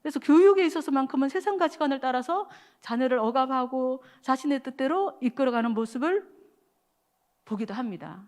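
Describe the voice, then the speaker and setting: A woman's voice: on the high side, a little mellow. A woman preaching to a church prayer meeting, telling a story in a conversational way with many small fillers and speaking straight to the congregation. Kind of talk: sermon with storytelling.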